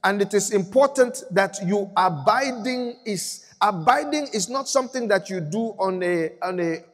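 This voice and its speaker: A man's voice: high-pitched, expressive, moderate pace, in a large hall, faint music behind. A man pastor delivering an emphatic sermon in a church, repeating phrases for effect.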